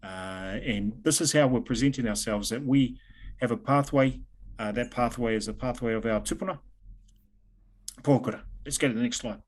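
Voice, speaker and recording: A man's voice: medium pitch, moderate pace. A man with a New Zealand accent hosting an informal presentation on a video call in a chatty manner. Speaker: host and presenter. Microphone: video call microphone.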